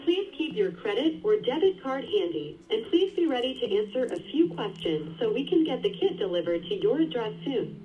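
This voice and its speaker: A recorded phone message in a woman's fairly high, lively voice. She reads a scripted automated menu in a polite, measured way and gives callers step-by-step instructions. The sound is distant and phone-like, with music behind it. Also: slight background noise.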